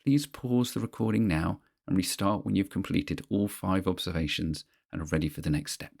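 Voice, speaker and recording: A man reading a scripted guided grounding exercise in a measured, instructional manner, pausing between phrases. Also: sits low, gravelly, a little mellow.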